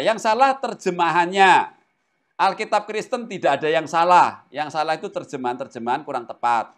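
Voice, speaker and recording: Male teacher, high and lively, running a classroom lesson with constant questions to students. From Indonesia. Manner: animated, asks the class questions often. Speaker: Greek language teacher.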